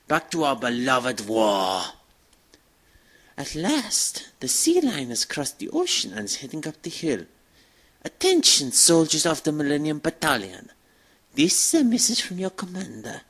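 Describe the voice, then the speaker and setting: A fan dub performer voices a war-loving vampire commander in a theatrical anime villain monologue, her low, husky voice a bit bright and fully in character. She savors every grandiose line at a moderate pace, her pitch swooping wildly like a fanatical orator rallying troops. The mood is triumphant and full of relish.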